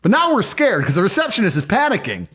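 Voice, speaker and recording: A man's voice: high voice, husky. A man telling stories in a casual interview, blunt and profane. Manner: fast, animated, profane storytelling. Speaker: guest.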